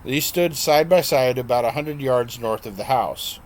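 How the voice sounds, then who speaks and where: There's slight background noise as a man with a medium-pitched voice records the audiobook of his own novel. His reading is unhurried and plain, with an odd mistake that he corrects.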